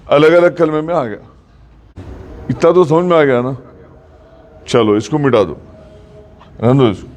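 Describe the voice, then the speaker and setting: A man teaching a mosque class on Quran recitation. He explains the rules patiently, checks that students follow, and recites verses slowly as examples. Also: on the high side, lively intonation, darkish tone, slight background noise. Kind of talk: classroom lesson.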